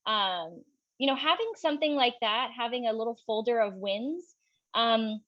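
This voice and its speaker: A woman's voice: a little high, normal speed, dry recording, dull audio. A young adult woman moderating an interview, supportive and rambling with many fillers. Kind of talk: casual conversational interview.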